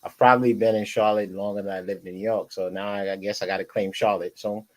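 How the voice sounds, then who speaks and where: A man's voice: fairly low pitch, fairly even intonation, fast talker. A man from Ghana being interviewed, laid-back and chuckling. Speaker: guest. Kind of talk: casual interview.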